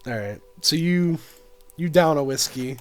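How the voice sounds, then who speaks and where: A man's voice: on the high side, lively intonation, measured pace, faint music behind. A man narrating a tabletop game as game master, chatty and often laughing between descriptions.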